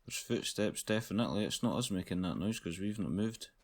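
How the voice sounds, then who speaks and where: A man giving casual, low-key commentary while playing a hunting game, thinking aloud. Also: animated, fairly quick. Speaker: gamer.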